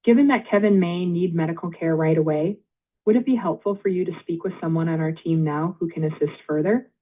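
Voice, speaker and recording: A woman's automated phone voice acting as an intake agent, polite and measured, reading back details in scripted prompts. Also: fairly low pitch. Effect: automated phone-line voice. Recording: tinny phone line.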